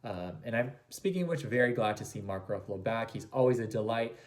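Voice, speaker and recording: A man's voice: fairly low pitch, lively intonation, a little fast. A man giving casual, gushing fan commentary as a video host, rambling along with plenty of fillers. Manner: enthusiastic, gushing.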